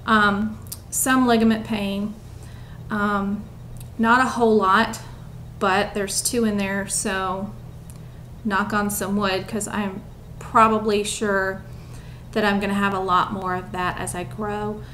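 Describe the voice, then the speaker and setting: A woman's voice: mid-range voice, little pitch movement, takes it slowly, fairly bright tone, a little hiss or hum. A young woman chatting casually to camera at home, rambling with lots of ums and a bit out of breath. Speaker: vlogger.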